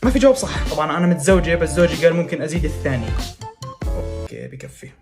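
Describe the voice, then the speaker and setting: Man, comedy sketches, high-pitched, fast talker, music playing behind. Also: lively intonation, creaky.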